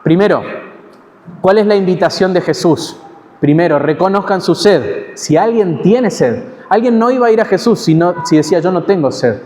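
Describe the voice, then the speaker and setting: A man with an Argentine accent preaching an expository sermon in a measured, teaching way, pausing and correcting himself now and then. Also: high voice, animated, mellow, slight background noise. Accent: Argentine Spanish. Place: church hall. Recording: long church hall reverb.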